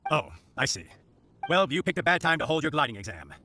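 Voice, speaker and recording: A man's voice: fairly high pitch, sing-song, a little fast, creaky, noisy background. A man voicing an earnest, officious young knight lawman with a formal, dutiful manner in a video game. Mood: earnest, explaining. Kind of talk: anime-style video game voice acting.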